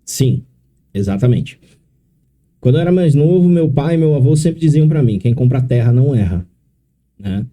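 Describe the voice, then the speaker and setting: As a podcast guest, a middle-aged consórcio specialist from São Paulo, Brazil, explains matters step by step in a São Paulo Portuguese accent. His medium-pitched voice is warm and animated, at normal speed with frequent pauses, and he often ends points with tag questions.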